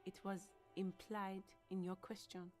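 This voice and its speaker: A timid, guarded gardener from a video game, voiced by a woman, who speaks politely and hesitantly. Soft music sits faintly in the background. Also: medium pitch, flat delivery, unhurried, close to an everyday voice.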